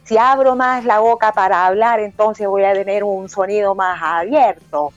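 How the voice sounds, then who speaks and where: A woman's voice: medium pitch, steady tone, moderate pace, no room sound. A woman music and singing teacher explaining voice technique on a phone call, in an explanatory manner that stops to sing short demonstration lines. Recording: muffled phone line with faint music.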